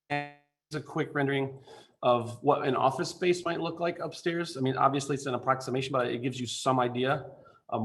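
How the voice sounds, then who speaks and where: A man, an architect, presents a building design to a council remotely over a video call, speaking informally with many fillers and restarts. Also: medium pitch.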